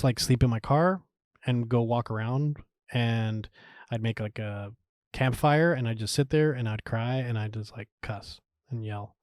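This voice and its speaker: Podcast guest, man, mid-pitch, animated storyteller who acts out his own past thoughts; close mic, dry room. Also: dry recording. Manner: frequent fillers and restarts, laughs while telling. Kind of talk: candid interview storytelling.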